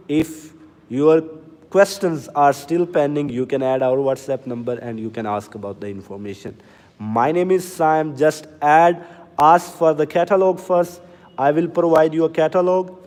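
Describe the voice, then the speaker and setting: A man hosting a livestream to sell farm machinery, talking slowly and earnestly and answering viewer comments. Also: medium pitch, a little mellow, long reverb tail. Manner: deliberately slow, earnest, reads out comments. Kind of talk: casual livestream talk to viewers. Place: inside a factory or showroom.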